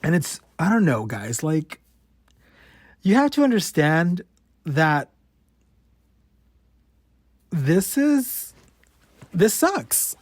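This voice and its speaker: This man's fairly high voice swings widely in pitch as he draws out words and leaves long pauses, hosting a podcast about his own life with frequent cursing. In his late twenties, he stutters through repeated words and broken sounds. It's studio-quality audio with no echo.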